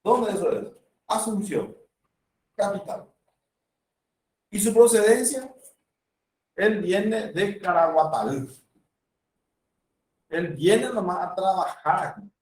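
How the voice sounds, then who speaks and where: Here the Paraguayan-accented lecturer's voice is high and somewhat dark in tone, with a slow delivery broken by long pauses. He teaches a university medical class through examples and role-played patient exchanges. Captured from a distance, the audio is roomy.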